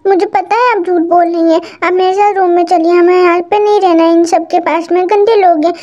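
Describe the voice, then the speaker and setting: A woman voicing a babyish grown man, high and whiny. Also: fairly even intonation, fairly quick, warm tone, lo-fi sound. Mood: pleading. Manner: childish pleading, threatening to hit people. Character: grown man acting as small child.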